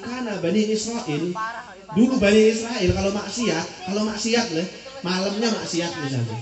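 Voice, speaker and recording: A man preaching with an East Javanese accent, telling stories in a lively way and trading call-and-response with his listeners. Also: high-pitched. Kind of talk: sermon. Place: prayer house at a religious celebration. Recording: echoey prayer hall, distant mic, crowd.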